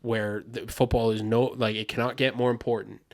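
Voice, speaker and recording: A man in the middle of a loose sports podcast chat. His pitch sits in a middle range, and he talks in an animated, rambling way full of asides and profanity. He keeps riffing and joking with a co-host. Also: brisk.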